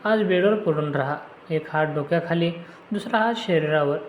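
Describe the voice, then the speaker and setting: A man voicing a gentle young man who is a tender friend and photographer, speaking softly and coaxingly. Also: on the high side, normal speed, echoey room, dull audio, a little hiss or hum, lightly acted. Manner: soft, coaxing.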